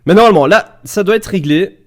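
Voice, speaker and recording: Casting a live esports game from his home setup through an XLR studio microphone, this Belgian man speaks with a Belgian French accent in a high, fairly quick voice. He chats and trades jokes with his viewers in chat.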